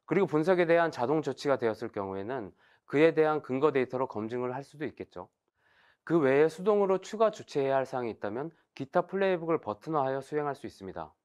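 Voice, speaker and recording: Speaking formally and at a measured pace, a man delivers a scripted technical presentation, stepping through each point like an explainer. His average-pitched voice is expressive and smooth, with a darkish tone and noticeable rises and falls.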